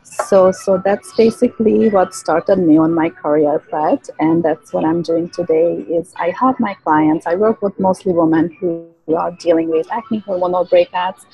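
A lowish, gravelly woman's voice with a husky edge and a Hungarian accent. She is a native Hungarian speaker in her thirties, a guest on a podcast, and she explains things earnestly and at length with plenty of ums and you-knows. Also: normal speed, hardly any pauses, warm tone, faint music behind, low-quality recording. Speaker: guest, licensed esthetician. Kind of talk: podcast interview.

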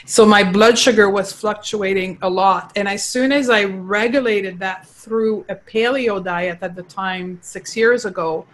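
A woman with a Quebec French accent speaks as an interview guest, a native French speaker. She explains things earnestly and restarts her sentences often. She talks at an ordinary middle pitch. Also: steady tone, a little slow, hardly any pauses, rough recording. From Quebec, Canada. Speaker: guest, clinical nutritionist. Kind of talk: casual interview talk.

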